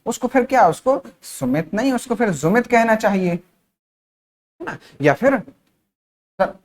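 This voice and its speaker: A male teacher from India leads a spoken-English class. He drills each word slowly and repeats it, poses questions and answers them himself, and adds short check-ins throughout to keep students with him. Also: high-pitched, sing-song. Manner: repeats words slowly, asks and answers his own questions; frequent checking-in tag phrases.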